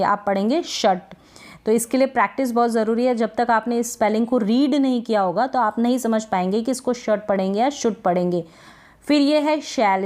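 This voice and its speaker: A woman with a Hindi accent teaching English pronunciation, repeating each word slowly and quizzing the listener with questions. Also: on the high side, a little mellow. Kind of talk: slow phonics lesson.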